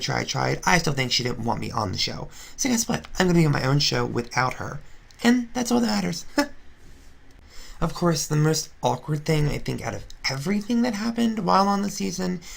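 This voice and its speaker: A woman's voice: extremely low pitch, gravelly, exaggerated voice. A woman voicing a brash, gossipy female Flareon reality star, ranting sarcastically in a confessional-style fan drama. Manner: indignant, sarcastic ranting with restarts.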